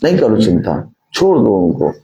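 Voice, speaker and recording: A man's voice: on the low side, very animated, moderate pace, dark tone, rough recording. A male preacher delivering a sermon, repeatedly putting rhetorical questions to his congregation and drawing call-and-response answers.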